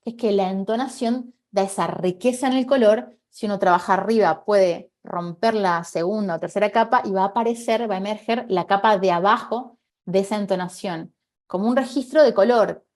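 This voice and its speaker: A woman's voice: medium pitch, moderate pace, darkish tone. Woman from Buenos Aires explaining oil painting. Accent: Rioplatense Spanish. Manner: explanatory, thinking aloud with tag questions. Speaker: painting teacher. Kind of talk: live online painting class.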